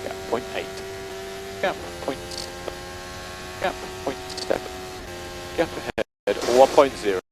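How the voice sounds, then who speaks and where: A man's voice: mid-range voice, animated, takes it slowly, pauses often. A man working as a race engineer, giving clipped, matter-of-fact updates over team radio. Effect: team radio transmission. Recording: noisy team radio with car noise.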